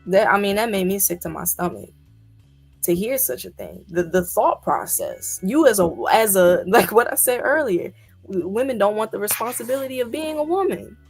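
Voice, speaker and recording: A woman's voice: medium pitch, animated, moderate pace, husky, faint music behind. A woman co-hosting a podcast discussion, talking emphatically and firing off incredulous rhetorical questions. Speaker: podcast co-host. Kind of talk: casual discussion.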